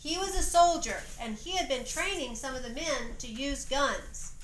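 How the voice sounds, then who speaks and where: A woman narrates a homemade history play like a storybook, reading expressively with deliberate phrasing and informal stage directions for the amateur production. Her voice sits high and a bit bright, captured in a roomy, echoey home recording with faint noise.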